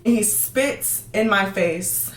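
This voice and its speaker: A young woman telling a personal storytime to her viewers, fast and emphatic, repeating words for emphasis. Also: medium pitch, a bit bright. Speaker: vlogger. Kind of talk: storytime vlog. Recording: roomy, distant from the mic.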